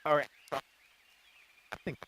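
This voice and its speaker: A man's voice: slow, bright, forceful tone. A man playing in a tabletop game over a call, his voice crackling and cutting out into robotic glitches from a loose cable, and breaking off mid-phrase. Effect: crackling, cutting-out robotic audio from a loose cable. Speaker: player. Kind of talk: casual tabletop game chat.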